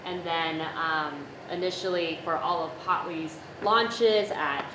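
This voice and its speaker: Speaking slowly in a lowish voice, a woman in her thirties hosts a casual cooking chat, restarting often and saying "like" a lot. She's recorded by a far-off camera in her echoey home kitchen, amid loud clatter and background noise.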